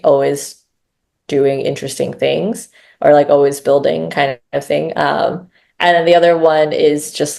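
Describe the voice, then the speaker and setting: Appearing as an interview guest, a woman who works as a growth lead talks casually in a low, gravelly voice with a darkish tone. Her speech is chatty and filler-heavy, with frequent tag questions.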